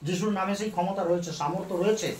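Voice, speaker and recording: A man's voice: high voice, quick pace, slight background noise. A man giving a fervent spoken testimony at a church meeting, repeating his words of praise. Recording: echoey hall, mic off at a distance.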